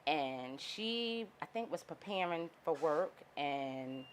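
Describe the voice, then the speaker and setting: A woman from Queens, talking as a podcast guest in a composed, measured way with many ums. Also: deep voice, expressive, poor audio. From Jamaica, Queens, New York. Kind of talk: casual interview. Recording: faint background noise.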